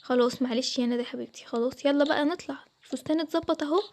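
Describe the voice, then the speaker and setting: A woman voicing a young groom who is caught in the middle and tries to calm things, with an Egyptian accent. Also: high-pitched, racing. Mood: soothing. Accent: Egyptian Arabic. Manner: placating. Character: young groom, torn and soothing.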